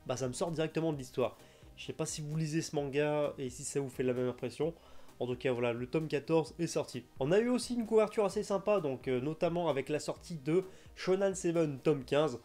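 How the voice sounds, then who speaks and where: A man's voice: fairly high pitch, warm tone. A young man hosting a casual video, chatting enthusiastically with frequent hesitations. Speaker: manga news YouTuber.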